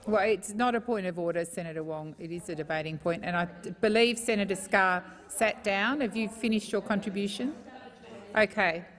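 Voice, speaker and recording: A woman's voice: medium pitch, normal speed. An Australian woman in her fifties presiding over a parliament, firmly calling speakers to order. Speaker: presiding officer of a legislature. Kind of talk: procedural chairing. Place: large indoor legislative chamber. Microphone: desk microphone while seated. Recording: reverberant parliamentary chamber.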